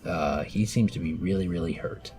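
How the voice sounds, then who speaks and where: A man's voice: sits low, moderate pace, warm tone, faint music behind. Patient father running a tabletop game. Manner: patient, explains rules, many fillers. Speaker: game master. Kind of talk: narrating a tabletop game for a child.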